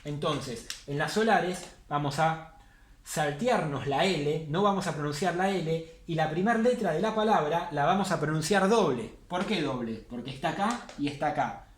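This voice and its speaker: Male teacher, somewhat high voice, patient and repetitive delivery, roomy echo. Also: lively intonation, normal speed. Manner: patient, repeats key points for emphasis. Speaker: language teacher. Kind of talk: classroom lesson. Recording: echoey room.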